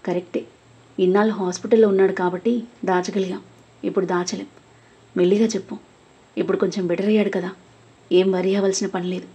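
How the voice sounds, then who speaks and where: A quiet, protective elder brother in a storybook reading, voiced by a woman. He speaks softly and reassuringly through a husky, breathy tone at a middling pitch. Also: flat delivery, quick pace, pauses often, dull audio. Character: calm protective elder brother, adult man.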